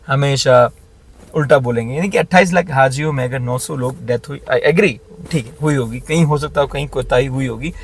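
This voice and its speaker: A man's voice: medium pitch, a bit bright, no room sound. Blunt, scolding male vlogger. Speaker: channel host. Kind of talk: opinionated commentary vlog.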